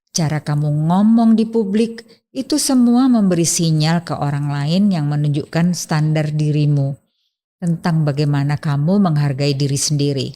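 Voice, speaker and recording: A woman, hosting an etiquette channel and calmly giving scripted self-improvement advice straight to the listener. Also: sits low. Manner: calm, gently instructive, addresses listener directly.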